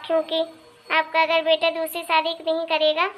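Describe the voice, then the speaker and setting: A woman's voice: very high-pitched, monotone, normal speed, a bit bright, soft background music. Woman voicing a pushy gossiping neighbor. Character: meddling young married neighbor woman, proud of grandsons.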